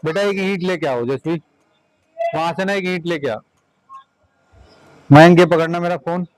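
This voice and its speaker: High-voiced male teacher directing a class. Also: moderate pace, no room sound, low-quality recording. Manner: directive, repeats short commands. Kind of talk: classroom instruction to children.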